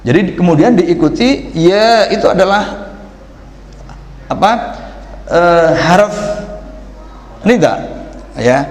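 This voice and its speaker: Lively man lecturing in an echoey hall. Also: high voice, slow, long pauses, a little hiss or hum. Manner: lively, explaining Arabic grammar with shouted examples and asides to the audience. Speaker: religious teacher. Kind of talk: Ramadan religious lecture to an audience. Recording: echoey hall with long reverb.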